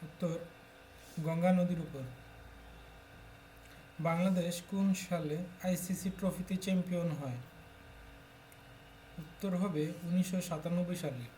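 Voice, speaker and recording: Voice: medium pitch, steady tone, measured pace, pauses often, dark tone, slight background noise. A tutor from Bangladesh steadily reading exam questions aloud and announcing each answer in turn.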